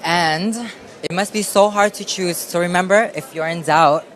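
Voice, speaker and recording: A man's voice: high voice, steady tone, moderate pace, a bit bright. A man hosting red carpet interviews in a gushing, effusive way. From Filipino. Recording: busy crowd noise behind.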